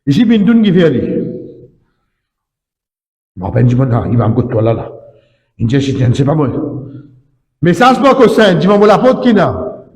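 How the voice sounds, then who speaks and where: A man's voice: on the high side, sing-song, moderate pace, long pauses, darkish tone. A man giving an Islamic sermon as imam, emphatic and repetitive, with frequent tag words. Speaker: imam preacher. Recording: echoey hall with long reverb.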